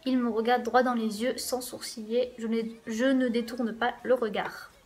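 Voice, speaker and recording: Woman doing a let's play, reads the game out loud, casual and wry, voice a bit high. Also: flat delivery, moderate pace, soft background music. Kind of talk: reading a visual novel aloud.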